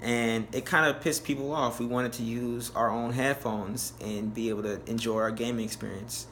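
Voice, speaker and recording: A man's voice: mid-range voice, fairly even intonation, moderate pace, a bit bright, a little hiss or hum. A man giving a casual, plain-spoken how-to narration, explaining things informally as a DIY presenter.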